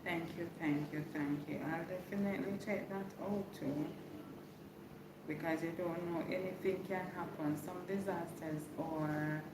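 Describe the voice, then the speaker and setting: Low, unhurried Jamaican woman, echoey. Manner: repeats phrases for emphasis. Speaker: livestreamer giving a hurricane update. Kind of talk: casual live check-in chat with viewers. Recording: echoey room with clear background noise.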